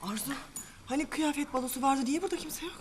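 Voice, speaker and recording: A woman's voice: high voice, quick pace, background noise, lightly acted. An actress playing an exasperated, indignant woman who is being passed off as a husband in a sitcom. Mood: bewildered, indignant. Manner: indignant, protesting at her sister. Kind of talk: sitcom acting.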